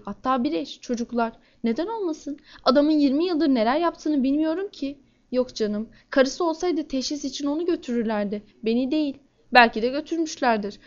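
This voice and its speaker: A woman reading a first-person crime novel aloud in a steady, measured way. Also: high-pitched, dull audio. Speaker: audiobook narrator.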